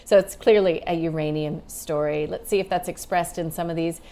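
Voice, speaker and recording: A woman co-hosting a live market wrap, chatty and conversational with quick asides. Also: low-pitched, steady tone, warm tone. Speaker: co-host of a markets show.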